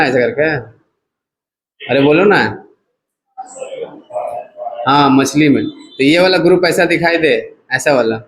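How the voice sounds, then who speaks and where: A man's voice: fairly high pitch, a bit bright, rough recording. A male chemistry teacher giving a casual classroom lecture who keeps asking his students to repeat each term back to him. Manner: casual, coaxing teacher talk.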